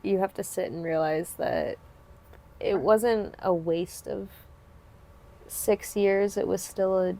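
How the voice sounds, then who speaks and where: A woman's voice: mid-range voice, fairly even intonation, slow, gravelly, long pauses, dark tone. A woman hosting a podcast, chatting earnestly and supportively in long, winding sentences. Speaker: podcast host. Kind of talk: casual interview chat.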